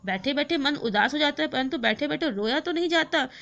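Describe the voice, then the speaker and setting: A woman's voice: sits high, animated, a little fast, vocal fry, a bit bright, muffled recording, pitched above the performer's own voice, full character voice. A woman teacher voicing an earnest young village woman who pleads and questions her mother. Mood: pleading.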